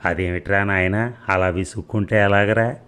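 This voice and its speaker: A man's voice: on the low side, fairly even intonation, normal speed, a bit bright, smooth, close to an everyday voice. A man voicing a fussy old grandmother who coaxes and scolds her grandson. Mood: coaxing. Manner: coaxing then scolding.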